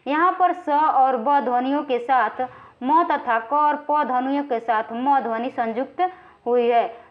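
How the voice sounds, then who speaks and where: A woman with a high voice gives an exam-prep grammar lecture, working through quiz questions one by one. She explains patiently and often pauses to check that her students are following. The recording sounds a little dull and lo-fi. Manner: explanatory, frequently checks in with "ठीक है" and draws vowels out when naming sounds. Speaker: Hindi grammar teacher.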